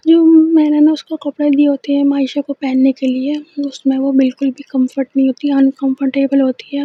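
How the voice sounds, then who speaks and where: High flat-voiced woman storyteller. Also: dry recording. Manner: chatty, retells scenes in first person. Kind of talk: casual spoken storytelling. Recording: dull lo-fi recording.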